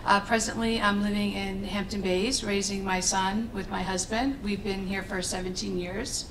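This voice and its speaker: A woman's voice: flat delivery, moderate pace. A woman from eastern Long Island with a Long Island accent, giving a composed, matter-of-fact opening statement. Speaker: town board candidate, teaching assistant. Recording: distant mic, faint rumble.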